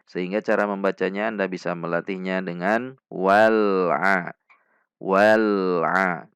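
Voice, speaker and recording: A man with an Indonesian accent teaching Quran recitation step by step, slowly and deliberately repeating each sound for practice. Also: on the low side, smooth, dry recording.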